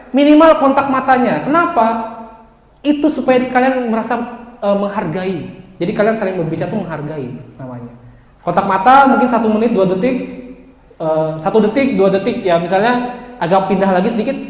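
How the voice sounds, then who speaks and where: A young male lecturer with a high voice, teasing and coaching his students. His voice rings through a big room with a long, echoing tail. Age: 20s. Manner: lively, joking, addresses students directly. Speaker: university lecturer. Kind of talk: classroom lecture. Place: large classroom. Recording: echoey classroom with long reverb.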